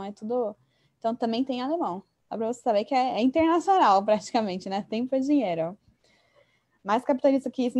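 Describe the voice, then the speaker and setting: A woman runs an online English lesson, walking through idioms one after another. She talks in a casual, chatty teaching tone and keeps checking in with her students through quick tag questions. Her voice sits a little high. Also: a little mellow.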